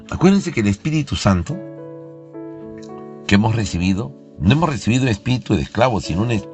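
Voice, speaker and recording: A man preaching a sermon with fervor and emphasis, his voice jumping up into shouts at times. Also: on the low side. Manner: fervent, emphatic preaching with sudden raised shouts.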